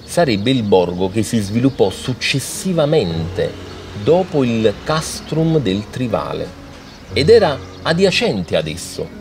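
A man's voice: mid-range voice, very animated, slow pace, darkish tone. A man narrating a documentary in an explanatory, storytelling way. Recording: music playing behind.

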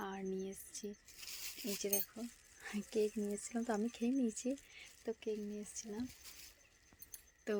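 A young woman speaking in a hushed, whispered vlog voice at home so her sleeping child won't wake, in whispered role-play style. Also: medium pitch, vocal fry, slight background noise. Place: home, indoors at night.

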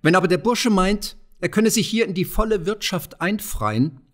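A man doing a loud boastful farmer. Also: high-pitched, moderate pace, pitched above the performer's own voice. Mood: blustering. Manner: blustering, mocking. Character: fat proud wealthy old farmer, boastful.

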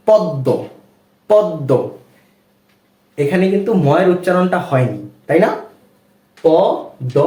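A man teaches a reading lesson in a fairly high voice, slow and patient. He keeps quizzing the viewer and then answers himself. The sound carries a roomy echo. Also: darkish tone. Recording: echoey room.

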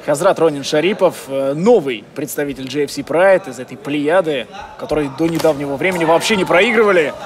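A male fight commentator calls the action live. He talks quickly in a fairly high voice. A crowd is clearly audible behind him.

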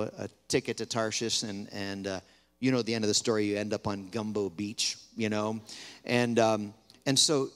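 A man preaching at an evening camp gathering, telling a story in a conversational way, sometimes dropping to a hushed retelling and sometimes rising with energy. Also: fairly low pitch. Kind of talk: sermon with storytelling. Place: large hall at a camp gathering. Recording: long hall reverb.

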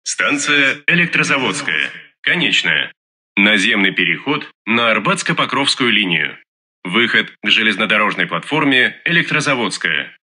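A man's voice: lowish voice, very animated, pushed and bright, dry recording. Dry, formal male subway announcer. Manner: formal, measured, clearly enunciated. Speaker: metro train announcer.

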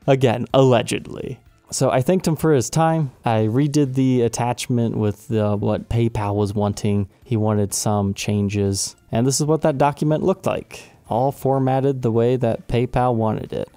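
A man with a gravelly, dark voice tells a personal story as the host of his guitar channel. He sounds animated and exasperated as he retells it. The sound is dry and close. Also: mid-range voice, a little slow, no echo. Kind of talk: storytelling vlog.

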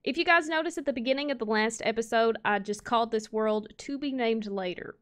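A young woman talks through her game in a casual let's play, explaining to viewers and coaxing her cows along. Her voice sits slightly high, and she breaks into playful exclamations and chatty asides. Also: a little fast. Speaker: gaming channel host.

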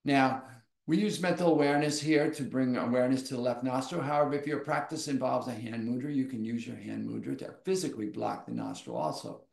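A man teaching a yoga class, guiding breathwork in slow, soft, inviting phrases. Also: medium pitch, expressive, creaky, roomy sound. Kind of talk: guided yoga breathwork instruction.

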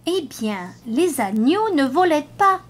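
A woman voicing a small, pleading young male lamb in a storybook read-aloud, her voice raised high. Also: big pitch swings, unhurried. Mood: curious.

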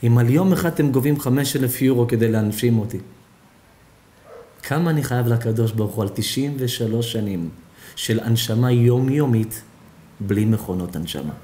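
A man's voice: medium pitch, warm tone, natural voice. A rabbi acting out a weeping old man of ninety-three. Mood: earnest. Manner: tearful, pleading.

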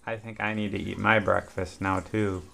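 A father at the breakfast table at home, gently asking his children encouraging questions, picked up by a home video camera on the table. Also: lowish voice, flat delivery, moderate pace, vocal fry, slight background noise. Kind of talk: casual family chat.

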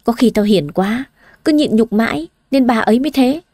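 A woman's voice: fairly high pitch, animated, normal speed, warm tone, dry recording, studio quality. A woman voicing a meek, downtrodden young wife who pleads for her child. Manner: subdued, pleading.

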